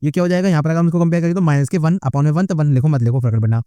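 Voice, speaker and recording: A man's voice: on the high side, very fast, mellow, clean tone, no room sound. A man tutoring a maths problem, chatty, often adding "ठीक है" and "भैया". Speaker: math tutor. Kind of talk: maths lesson walkthrough.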